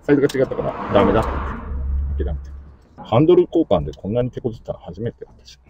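Middle-aged male host, casual DIY tutorial, lively pitch, grumbles while working. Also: fast, lo-fi sound, background noise. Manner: chatty, mutters complaints while working.

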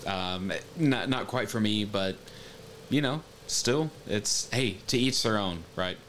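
Low-voiced man reacting on stream. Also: slow pace, a bit bright, slight background noise. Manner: hesitant, many fillers and restarts. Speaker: streamer reacting to a games showcase. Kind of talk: casual reaction commentary. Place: home room, seated at webcam.

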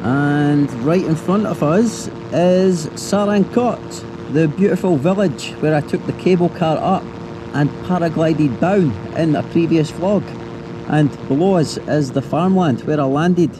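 A man's voice: fairly high pitch, unhurried. A Scottish man vlogging enthusiastically from a helicopter, talking straight to his viewers. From Scotland. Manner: enthusiastic, addresses viewers directly. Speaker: travel vlogger. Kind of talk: casual vlog narration. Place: helicopter over a lake, then outdoors at an airstrip. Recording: loud engine and outdoor noise.

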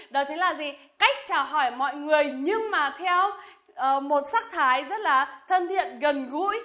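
A young woman teaching an English lesson, slowly repeating each phrase and then explaining it. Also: high-pitched, fairly bright tone. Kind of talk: bilingual language lesson.

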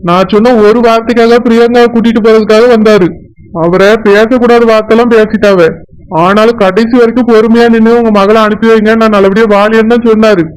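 A man's voice: high voice, steady tone, brisk, clear, resonant tone, natural voice, low-quality recording. A man voicing a weary, henpecked middle-aged village husband in a cartoon, resigned and soothing, with a Tirunelveli Tamil accent.

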